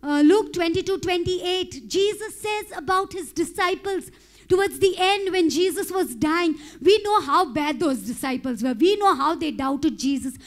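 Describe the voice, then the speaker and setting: A woman's voice: very high-pitched, normal speed. A middle-aged woman from India preaching a sermon into a handheld mic on a church stage, growing impassioned. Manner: impassioned, rising to shouted prayer. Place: church stage with pink backdrop.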